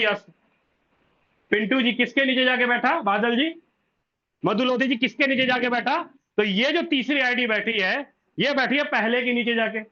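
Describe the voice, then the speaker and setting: A man talks through a business plan in a very high, bright voice. He poses questions and answers them himself, and often stops to correct himself. The recording sounds somewhat dull and muffled. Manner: corrects himself mid-sentence. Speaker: presenter explaining a business plan. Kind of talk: explanatory walkthrough to an online audience.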